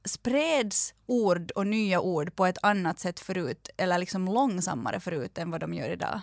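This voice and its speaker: A woman's voice: lowish voice, lively intonation, creaky, no room sound, studio quality. Curious woman interviewer. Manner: curious, conversational. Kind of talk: interview questions.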